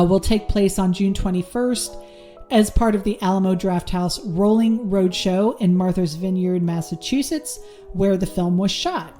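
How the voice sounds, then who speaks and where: Here a woman hosting a horror movie podcast offers a casual solo review and news, chatty and full of ums and restarts. Her voice is warm and medium-pitched but a little worn, since she's losing it.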